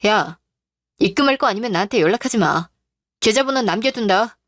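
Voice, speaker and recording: A woman's voice: medium pitch, lively intonation, fairly quick, no room sound, studio quality, close to an everyday voice. A woman voicing a young female business owner in a radio drama, talking in a curt, scolding way. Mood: cold.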